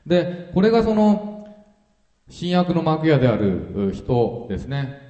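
A male pastor giving a sermon in a calm, explanatory way, reading scripture aloud with frequent fillers. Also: fairly high pitch, takes it slowly, echoey room, big-room sound, lo-fi sound.

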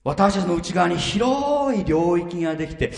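A male pastor preaching a sermon, animated and firing rhetorical questions at his congregation. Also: high voice, moderate pace, vocal fry. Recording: echoey hall reverb.

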